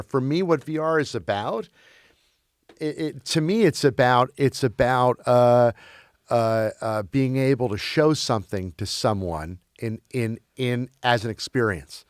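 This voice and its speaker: In a casual conversation, a guest who grew up in Belgium keeps halting to restart and repeat himself. His medium-pitched voice sounds clean, and the recording is dry and studio quality.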